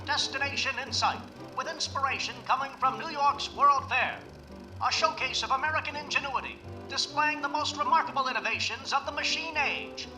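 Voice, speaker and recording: A man playing a peppy 1930s newsreel announcer, narrating in a brisk, showy promotional way over faint music. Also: very high voice, low-quality recording. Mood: upbeat promotional.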